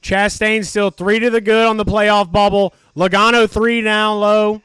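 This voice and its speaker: A man hosting a live race stream, giving excitable, profane, jokey commentary. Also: sits high, unhurried, clear, resonant tone, no echo, clean studio sound.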